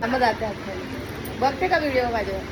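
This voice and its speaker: A woman vlogger with a hoarse voice that is giving out, chatting casually on location. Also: on the high side, animated, normal speed. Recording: loud crowd and vehicle noise.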